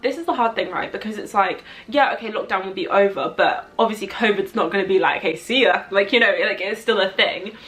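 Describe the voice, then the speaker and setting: A woman's voice: medium pitch, fairly quick, few pauses, fairly bright tone. A young adult woman with a London accent chatting casually as she answers viewer questions, thinking aloud in a rambling way with frequent asides. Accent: London English. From London, England.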